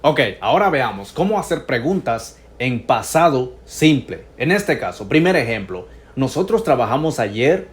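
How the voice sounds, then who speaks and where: A man teaching English grammar in Spanish, patiently going over each example and repeating the English phrases slowly. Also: medium pitch, big pitch swings, reverberant.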